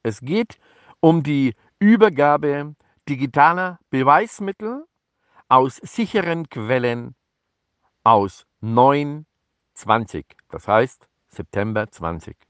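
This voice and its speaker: Man, mid-pitched, slow and halting, formal press statement, lively intonation, dry close sound. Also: clear, resonant tone, no room sound. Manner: halting, formal, bureaucratic phrasing with fillers. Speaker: advocate making a press statement. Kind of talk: improvised spoken statement to the press.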